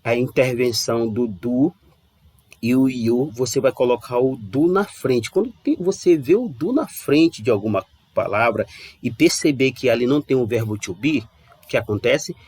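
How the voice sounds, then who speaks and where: A man from Brazil teaching English in a casual online lesson, chatty and repeating words slowly to model pronunciation. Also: mid-range voice, expressive, darkish tone, slightly rough, no room sound.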